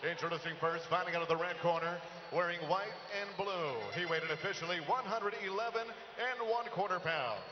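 A man working as a bilingual boxing ring announcer, booming out drawn-out names with lucha libre showmanship into a handheld mic in an arena. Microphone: handheld microphone. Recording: echoey arena PA, dull, crowd noise.

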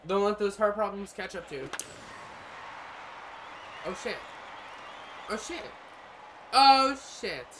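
A young man giving casual, profane commentary on his own gameplay from a small room, rambling and often breaking into loud yells. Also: high voice, very animated, slow, pauses often, heavy background noise. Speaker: gaming streamer.

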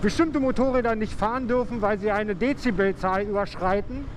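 A man's voice: high-pitched, a little fast. A man with a German accent vlogging from his motorcycle on the way to a rider demo, talking in a rambling, casual way with many fillers and restarts. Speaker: motovlogger. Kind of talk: casual vlog monologue. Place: outdoors on a motorcycle ride. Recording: loud road and vehicle noise.

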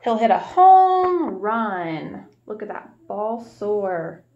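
Reading a picture book aloud to little kids, this young woman sounds like a warm preschool teacher, stopping to ask questions and waiting for answers. Her voice is mid-range with big pitch swings. A webcam at arm's length in a small home room picks her up, giving lo-fi sound and faint hiss or hum.

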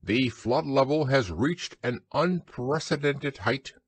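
A man's voice: mid-range voice, animated, slow, slightly rough, no room sound, pitched above the performer's own voice, exaggerated voice. A man voicing a pompous, long-winded storybook owl in a wordy, pedantic, self-important manner. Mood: pompous, explaining.

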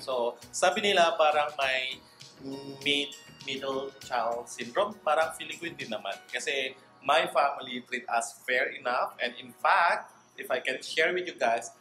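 An Indonesian man in his thirties chats playfully to camera as a vlogger, mixing languages in a mid-range, sharp-toned voice at normal speed. He's indoors by a wood-panelled wall, in an echoey room with soft background music. The audio quality is poor.

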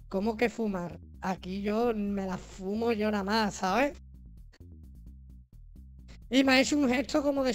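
A woman with a Spain accent chatting casually as she streams a video game, slangy, joking and foul-mouthed. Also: medium pitch. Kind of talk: casual gaming livestream chat. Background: video game music.

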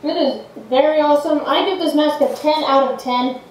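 A woman's voice: sits high, normal speed. A woman vlogger talking through a gas mask, gushing and enthusiastic in a casual show-and-tell. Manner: enthusiastic, gushing, filler-heavy. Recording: echoey room, distant mic, faint hiss.

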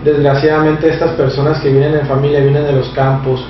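A shelter administrator with a fairly high-pitched voice explains his work in a casual interview, speaking hesitantly and haltingly, full of fillers and restarts, in a flat, even delivery. He sits far from the camera mic in a small, echoey indoor office with a computer. The audio is dull, with steady background noise.

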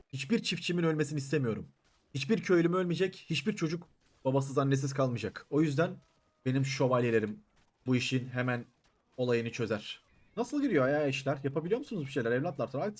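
A man talks through a let's play at a rapid clip in a voice of ordinary pitch. He chats with his viewers between fights. He turns loud and curses at the enemies in the thick of battle. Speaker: gaming channel host. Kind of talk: let's play gameplay commentary.

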